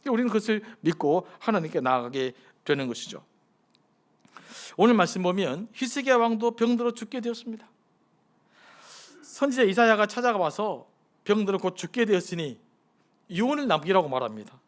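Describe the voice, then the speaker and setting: A man with a high voice preaches to his congregation in an easy, conversational way. He asks them question after question. When he acts out a prayer, his voice drops to a soft, pleading hush. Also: expressive, moderate pace, pauses often. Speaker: pastor. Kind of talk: sermon at a midweek prayer service.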